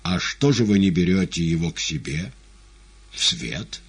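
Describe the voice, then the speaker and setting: A deep, husky audiobook devil, stern and imperious, as a male reader plays him. He speaks with curt, dry irony and a lively sweep of pitch, never raising more than needed. His rasp gives the commands an edge. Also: measured pace, full character voice. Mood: stern, ironic. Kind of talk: audiobook character reading.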